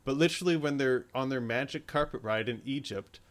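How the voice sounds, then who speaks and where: A man's voice: mid-range voice, brisk. Man joking about a movie. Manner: laughs often, acts out quotes. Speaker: podcast co-host. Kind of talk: casual movie review chat.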